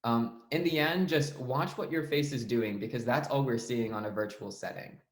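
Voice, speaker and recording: A man's voice: mid-range voice, normal speed. Young man coaching, echoey room. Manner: casual explanatory tone with frequent fillers. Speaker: debate coach. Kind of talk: online lesson on speech delivery.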